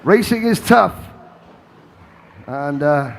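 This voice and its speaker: High-voiced race commentator. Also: male voice, lively intonation, vocal fry, a little hiss or hum. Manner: jovial, quick-talking, reeling off driver details. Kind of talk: live motorsport commentary.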